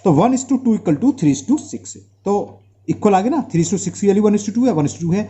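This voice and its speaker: An unhurried, warm, high male voice with lively intonation leads a maths class in an Indian accent. Mouth sores cause him slight trouble speaking. His approach is to throw rhetorical questions at the class and drill terms by repeating them.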